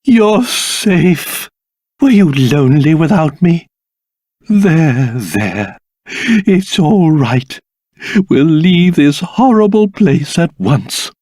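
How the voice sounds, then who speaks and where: An actor playing a pompous, fussy old king turned into a small monster in a video game, with a British accent and a theatrical, excitable delivery. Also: a little high, very slow, dry recording, studio quality, heavily acted. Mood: tender.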